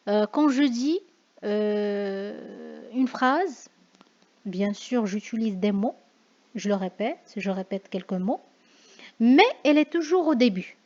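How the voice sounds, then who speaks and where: A woman's voice: on the high side, a little mellow. A woman teacher with a Moroccan accent explaining a lesson, often checking with "d'accord?". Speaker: French teacher. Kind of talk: classroom lesson on figures of speech. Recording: dull lo-fi sound.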